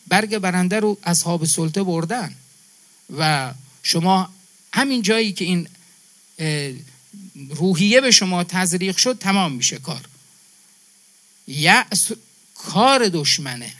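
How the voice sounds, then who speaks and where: High-pitched man preaching with emphatic repetition. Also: fairly bright tone. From Iran. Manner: addresses listeners as brother and sister. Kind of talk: religious sermon to a gathering.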